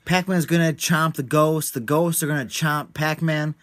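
A man co-hosting a podcast in casual chat, playfully tossing out quick teasing questions. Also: on the high side, steady tone, no room sound. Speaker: podcast co-host.

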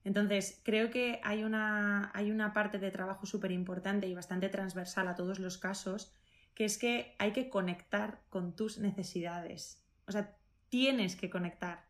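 A woman nutritionist, answering interview questions casually and with enthusiasm. She thinks aloud, often rephrasing herself and filling pauses. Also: medium pitch, steady tone.

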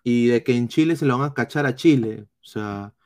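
A man with a Peruvian accent doing live football analysis, reading chat comments in a blunt, swearing style with halting restarts. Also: medium pitch, darkish tone. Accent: Peruvian Spanish. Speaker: football streamer.

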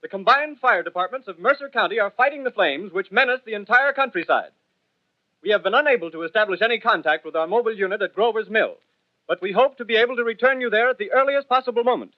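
A man's voice: high voice, expressive, fast talker, no room sound, highs cut off. A man playing a grave radio news announcer, reading formal bulletins in an old 1930s newsreel manner. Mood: urgent, formal. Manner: formal, clipped, solemn bulletin delivery.

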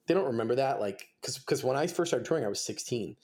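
A man's voice: medium pitch, expressive, fast, darkish tone. A man in his twenties, a touring musician, chatting casually and rambling through stories with lots of fillers and swearing. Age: 20s. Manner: swears freely, rambling storytelling with many fillers. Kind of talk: casual podcast chat.

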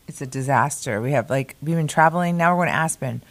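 A woman's voice: low voice, fast, no echo. An American woman co-hosting a show in candid, chatty, slightly grumbling conversation, recorded on a meeting room mic in a conference room. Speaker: co-host of a daily video show. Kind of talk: casual chat.

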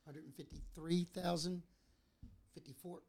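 Gravelly high-pitched man. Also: fairly even intonation, a little slow, darkish tone. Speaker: city councilman, guest. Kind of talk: casual podcast discussion.

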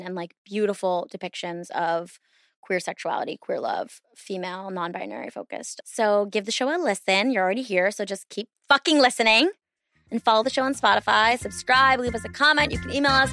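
A woman's voice: mid-range voice, a bit bright, no room sound, clean studio sound. A woman hosting a podcast in a casual, rambling chat full of fillers. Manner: chatty, rambling, with many fillers. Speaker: podcast host.

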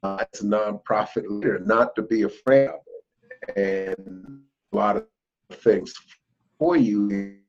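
A man's voice: fairly low pitch, fairly even intonation, slow pace, long pauses, faint music behind. Man on a glitching, breaking-up video call. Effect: glitching, breaking-up audio with dropouts. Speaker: unofficial podcast co-host. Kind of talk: casual conversation on a video call. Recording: choppy, dull video call audio.

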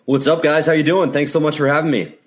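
A man's voice: a little high, fairly even intonation, fast talker, husky. A man from the Chicago area chatting casually about sports as a podcaster guest. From Chicago area, United States.

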